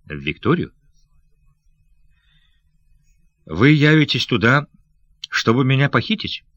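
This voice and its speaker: A man's voice: medium pitch, big pitch swings, moderate pace, fairly bright tone, no echo, muffled recording, voice pushed up. A man voicing a young noble lady who is anxious and loving, speaking in breathless, pleading questions.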